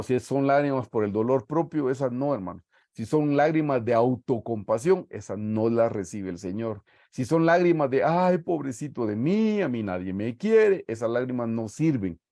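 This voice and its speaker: Guatemalan Spanish man, mellow low-key tone, dry close sound, preaching a Bible study, slow scripture readings. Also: no room sound. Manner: reads verses slowly, often addresses listeners as brothers. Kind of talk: sermon-style Bible study. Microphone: video call.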